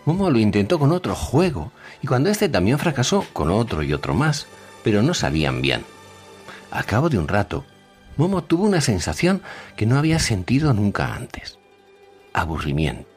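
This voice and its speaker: Man, low voice, animated storybook narration, music behind. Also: moderate pace, breathy edge.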